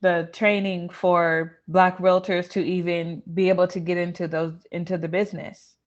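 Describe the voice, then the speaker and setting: A woman's voice: lowish voice, flat delivery, moderate pace, highs cut off. An American woman in a casual group discussion, talking in a thoughtful, hesitant way and often correcting herself.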